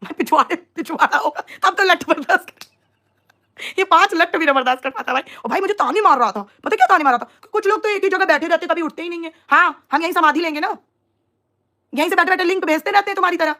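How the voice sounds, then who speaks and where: A woman's voice: very high-pitched, quick pace, pushed and bright. A young woman chatting on a live stream, teasing and mocking rivals while talking to her viewers. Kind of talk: casual live stream chat.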